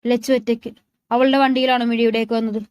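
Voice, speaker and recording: An affectionate young man who teases at first and then turns serious and protective, voiced by a woman reading a love story. The voice sits fairly high, and the sound is dry and close. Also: little pitch movement, fast, a little mellow, smooth, no echo, natural voice.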